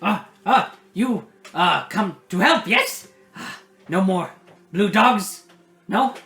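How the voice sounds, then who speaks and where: A man's voice: high-pitched, animated, slow, pushed and bright, echoey room, soft background music, voice pushed up, heavily acted. A man voicing a small, groveling male space goblin who talks in broken grammar. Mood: eager. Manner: broken grammar, eager and pleading.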